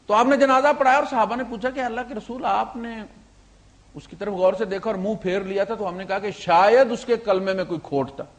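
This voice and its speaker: An Islamic preacher delivers a storytelling sermon in a high voice, alternating between loud emphasis and quiet asides. He mixes English words into his speech.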